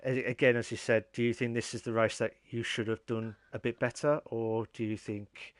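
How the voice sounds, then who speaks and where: A man's voice: medium pitch, flat delivery, normal speed, no echo, clean studio sound. Rambling man with an English Midlands accent. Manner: rambling, repetitive, hesitant phrasing. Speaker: interviewer, league host. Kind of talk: casual post-race interview.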